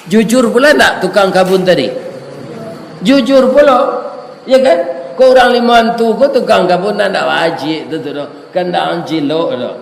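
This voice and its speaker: A male preacher with a Minangkabau accent tells a story in a sermon, slow and deliberate, often asking "ya kan?". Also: sits high, creaky. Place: prayer hall. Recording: echoey hall with faint noise.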